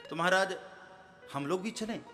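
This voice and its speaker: A man's voice: high-pitched, moderate pace, sharp tone, soft background music. A man voicing an eager, pleading goddess wife. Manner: coaxing, insistent pleading.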